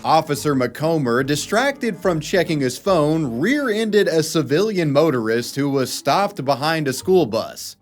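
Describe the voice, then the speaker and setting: A man giving scripted comedic narration in a wry, deadpan storytelling manner. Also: a little high, measured pace, few pauses. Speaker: video narrator.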